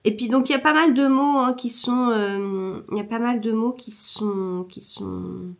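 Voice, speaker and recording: A woman's voice: on the high side, fairly even intonation, moderate pace. Hesitant woman chatting about books. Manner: hesitant, many fillers and restarts; mutters softly while searching her book. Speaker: book vlogger. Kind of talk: casual chat.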